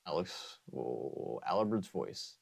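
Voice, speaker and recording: A man who hosts an ASMR channel, talking softly with a strained throat and rambling, often correcting himself and slipping into whispers. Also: deep voice, big pitch swings, slow, vocal fry. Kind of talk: soft-spoken ASMR outro chat.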